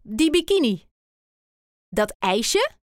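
A woman's voice: a little high, sing-song, takes it slowly, dry recording, studio quality. A woman voicing a cheeky, grinning male monkey who teases his friend, in a children's storybook. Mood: teasing. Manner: teasing and good-humoured.

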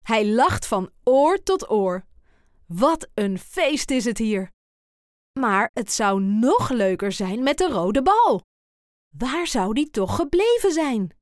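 A woman reading a children's picture book aloud in an expressive, deliberate way. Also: on the high side, no room sound, studio quality. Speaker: storyteller.

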